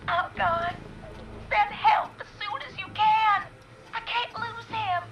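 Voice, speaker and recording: A woman's voice: very high voice, fairly even intonation, takes it slowly, lo-fi sound, loud music behind the voice, heavily acted. A woman playing a frightened young caller in a video game, pleading and apologetic as she tends to an injured man. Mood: scared, pleading. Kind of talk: dramatic video game acting.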